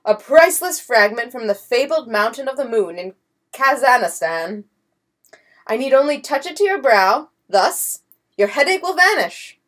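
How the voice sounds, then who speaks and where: A woman's voice: on the high side, big pitch swings, unhurried, fairly bright tone, voice pushed up, full character voice. A woman reading a storybook voices a blustering, pompous swindler count who barks commands. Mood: smooth-talking. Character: blustering swindler count, grown man, bold. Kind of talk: audiobook character voice.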